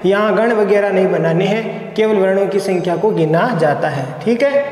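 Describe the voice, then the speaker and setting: A male college lecturer with a high voice teaches poetry meter, explaining patiently step by step and counting syllables aloud. He sounds like he is in a hard, echoey room where his voice rings with a long reverb. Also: normal speed, a little mellow. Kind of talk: recorded Hindi poetry lesson.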